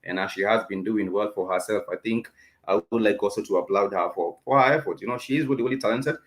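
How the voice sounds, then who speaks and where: A man with a Kenyan accent hosting an unscripted music talk show, speaking haltingly with many ums and repeated phrases. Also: lowish voice. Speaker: radio show host.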